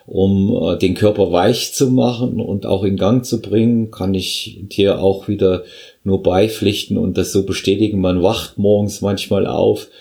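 A man hosting a podcast interview, talking in a halting, affirming way as a fellow trainer. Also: low-pitched, fairly even intonation, gravelly, dark tone.

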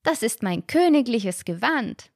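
A storybook's little brother: a small boy who whines and crows that he is the king, as a woman reader puts him on. The voice sits high and petulant, and the recording is close and dry with no room sound. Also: sing-song, a little slow, gravelly, no echo, heavily acted. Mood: insistent. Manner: high, whining, crowing. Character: small boy, whiny, self-declared king.

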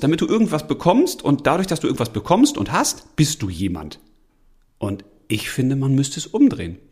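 Male motivational speaker, slightly high, husky, animated, casual, talks straight to camera. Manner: casual, slangy, direct address with laughs. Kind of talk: motivational monologue to the listener.

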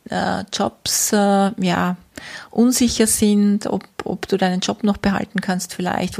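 A woman's voice: mid-range voice, vocal fry, a little mellow. A middle-aged woman gives a motivational network marketing talk, earnest and repetitive, with many fillers.

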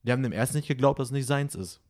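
A man's voice: medium pitch, racing. A man in casual podcast chat, telling stories animatedly and acting out what people said. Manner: animated storytelling, acts out dialogue.

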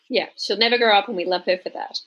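A woman's voice: on the high side, very animated, normal speed, bright, forceful tone, slightly rough, no room sound, poor audio. A woman in her thirties co-hosting a casual travel podcast, chatty and laughing often, correcting herself mid-sentence. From Australia. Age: 30s. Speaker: podcast co-host.

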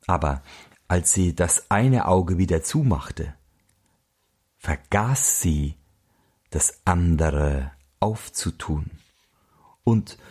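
A man reading a fairy tale aloud in an expressive, unhurried storytelling manner. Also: deep voice, slightly rough. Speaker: narrator.

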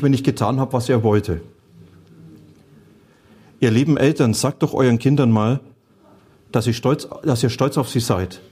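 A man's voice: mid-range voice, a little mellow, husky. A middle-aged man, preaching a sermon as a pastor and telling stories earnestly. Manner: earnest storytelling, quotes people in changed voices.

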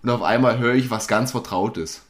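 A young man chatting casually, telling a lively anecdote and acting out the people in it. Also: medium pitch, moderate pace. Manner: animated storyteller acting out dialogue.

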